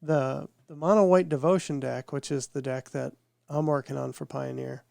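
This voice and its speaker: A man's voice: mid-range voice, steady tone, normal speed, gravelly, a little mellow, no room sound, studio quality. A man co-hosting a podcast, talking casually and rambling, his voice nasal from a cold. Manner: rambling, repeats words as he thinks. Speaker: podcast co-host. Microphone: podcast microphone with headphones.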